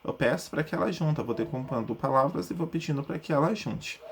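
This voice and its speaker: A man teaching a recorded lesson, explaining step by step with frequent checks like "tá?" and slowly sounding out example words. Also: fairly high pitch, vocal fry, husky. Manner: explanatory, many fillers like "tá?" and "né?".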